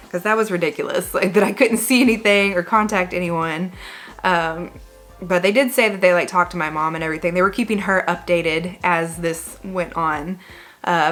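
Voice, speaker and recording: Her voice fairly low yet a bit bright, a vlogger chats through a personal story for her viewers. It's loose and rambling, peppered with "like" and frequent self-corrections.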